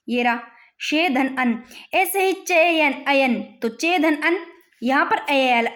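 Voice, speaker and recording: A woman teaching a grammar lesson, sounding out each example word slowly and calling her students "bhai". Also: sits high, fairly bright tone.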